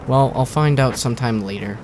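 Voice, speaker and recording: A young man with a mid-range voice, talking a little fast, jokes and rambles over his own gameplay, often sarcastically. Faint gunfire and game noise sit in the background.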